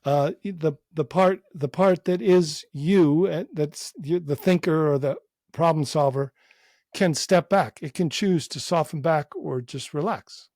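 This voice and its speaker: A man who works as a psychotherapist, guiding a short meditation in a calm, unhurried, gently inviting voice with long pauses. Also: on the high side, dry recording, studio quality. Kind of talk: guided meditation within a podcast interview.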